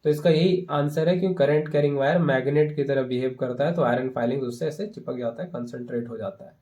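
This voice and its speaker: Male physics tutor, mellow tone, patient step-by-step explainer who keeps checking in with students. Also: mid-range voice. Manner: slows right down when reading English lines aloud. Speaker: physics teacher. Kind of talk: exam-prep lesson explaining problems.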